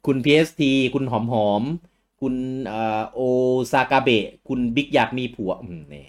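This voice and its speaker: A man's voice: mid-range voice, moderate pace. Thai male livestream host, casual, greets viewers by name, trips over hard names.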